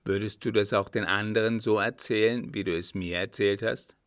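A man's voice: lowish voice, fairly even intonation, normal speed, smooth, no room sound, clean studio sound. A man voicing a worried old coachman. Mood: questioning. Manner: anxious, hushed, cautious.

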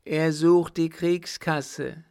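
A wailing, half-mad young baron cries out in high, strained bursts, as a male narrator puts him on. His voice carries a gravelly edge and drags slowly through the raving. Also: fairly even intonation, darkish tone. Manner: shrill, wailing, anguished outbursts.

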